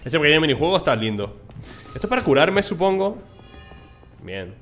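A man's voice: fairly high pitch, big pitch swings, normal speed, fairly bright tone, faint music behind. A young man with a Spain Spanish accent chatting casually and swearing lightly as he plays through a game. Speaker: gameplay streamer. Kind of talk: casual let's play commentary.

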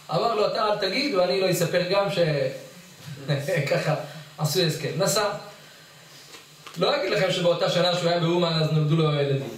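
A man's voice: a little high, slight background noise. A middle-aged rabbi giving a sermon-style Torah lesson, telling stories and acting out the pleas he quotes. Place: study hall. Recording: echoey hall, voice far from the mic.

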